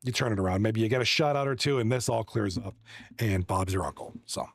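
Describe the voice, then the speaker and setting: A lowish, slightly fast male voice belongs to a Toronto esports hockey commentator chatting casually on a livestream. He's friendly and rambling, reading the chat and running through stats with lots of restarts.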